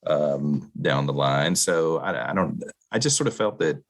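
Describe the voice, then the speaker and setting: A married man co-hosting a podcast, chatting casually about a movie with relaxed, measured talk and frequent pauses. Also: a bass voice. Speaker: podcast co-host. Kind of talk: casual film review chat.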